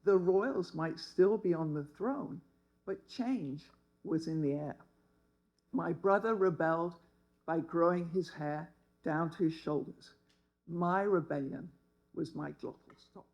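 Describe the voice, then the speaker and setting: Slow, wry older woman. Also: on the low side, a little mellow, rough recording. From England. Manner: wry, humorous. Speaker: speaker. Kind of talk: personal storytelling talk.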